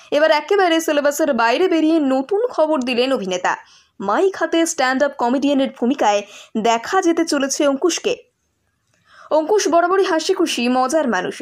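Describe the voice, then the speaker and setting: A woman narrates entertainment news in a high-pitched voice. She reads from a script, as a reporter presenting a showbiz story.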